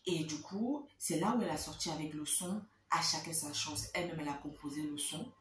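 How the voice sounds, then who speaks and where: A woman host casually telling a story to her viewers, chatty and lively, repeating words for emphasis. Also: deep voice, brisk, echoey room, distant mic, slight background noise.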